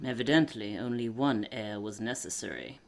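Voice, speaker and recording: A woman's voice: extremely low pitch, moderate pace, gravelly. A woman playing a composed, knowing aristocratic lady detective, self-assured and formal, in a period radio drama.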